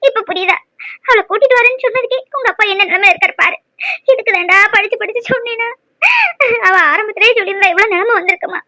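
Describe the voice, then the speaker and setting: A woman voicing a sharp-tongued, dramatic middle-aged mother in a cartoon, scolding and lamenting. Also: very high voice, dry recording. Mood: reproachful. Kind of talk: cartoon voice acting.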